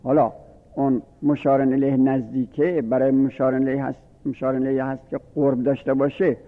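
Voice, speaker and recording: A man's voice: medium pitch, level tone. A man teaching a grammar lesson, patiently listing and drilling word forms one by one. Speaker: religious studies teacher. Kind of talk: lecture on Arabic grammar. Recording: phone-like lo-fi audio with long reverb.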